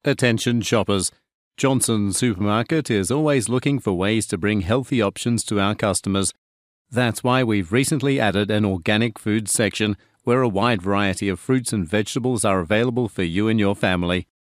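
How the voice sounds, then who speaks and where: A supermarket announcement, read by a man in a lowish voice with a clear, even and measured delivery. The sound is dry and close, with no store echo, as in a studio reading. He is a polite and upbeat store announcer addressing shoppers. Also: close to an everyday voice. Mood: announcing. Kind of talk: scripted supermarket announcement read for a listening test.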